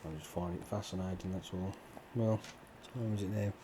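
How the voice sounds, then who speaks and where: A man with a fairly low voice rambles in a relaxed way while he plays, full of ums and offhand swearing. A steady noise hums under his talk throughout the recording. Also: fairly quick. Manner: meandering, swears casually, many fillers. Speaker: gaming channel host. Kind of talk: rambling chat over gameplay.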